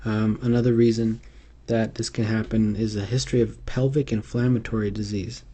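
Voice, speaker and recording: Low, mellow male tutor with many fillers. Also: flat delivery, normal speed, husky. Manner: hesitant, many fillers and restarts. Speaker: medical exam tutor. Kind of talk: unscripted instructional lecture.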